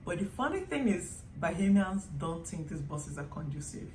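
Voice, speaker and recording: Speaking at a moderate pace in a fairly low voice, this young woman from Nigeria has a Nigerian accent and is casually vlogging to camera. Her storytelling is lively and conversational, with small quotes acted out. Faint noise and echo from the room can be heard.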